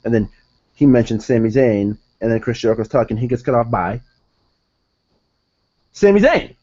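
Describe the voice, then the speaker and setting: A man's voice: medium pitch, steady tone, a little fast, warm tone, lo-fi sound, slight background noise. A young man reviewing a wrestling show in casual solo talk, rambling, correcting himself and sounding exasperated.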